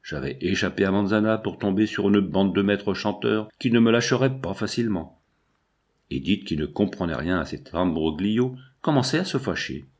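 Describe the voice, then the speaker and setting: A man reading a novel aloud as a first-person audiobook narrator, in a measured storytelling delivery. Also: on the low side, expressive, darkish tone.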